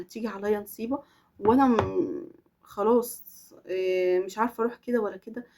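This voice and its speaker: A woman's voice: fairly high pitch, mellow. A young woman with an Egyptian accent, chatting earnestly to camera as a vlogger answering viewers' questions and stressing her points with oaths. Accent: Egyptian Arabic. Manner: earnest, emphatic, swears oaths for emphasis. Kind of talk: casual chat to camera.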